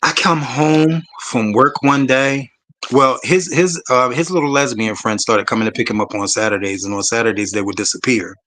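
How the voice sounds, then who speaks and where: A man's voice: medium pitch, steady tone, normal speed, fairly bright tone. A man tells his own story to a panel. He talks emphatically and bluntly, with a lot of swearing, like a conversation between friends.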